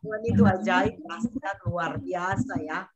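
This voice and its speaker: Woman hosting a worship call, slow and easy, says amen and hands over to the next person. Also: medium pitch, highs cut off, over a noisy crowd. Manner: affirming, calls on speakers by name. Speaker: worship meeting host. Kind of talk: hosting an online prayer meeting. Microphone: video call.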